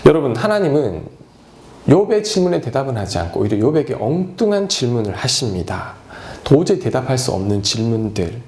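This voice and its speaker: A male pastor preaches with a gravelly edge to his voice, pressing rhetorical questions on his congregation. His delivery swings up and down, and the sound rings through a roomy church sanctuary. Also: medium pitch, very animated, a little fast, darkish tone. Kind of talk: sermon.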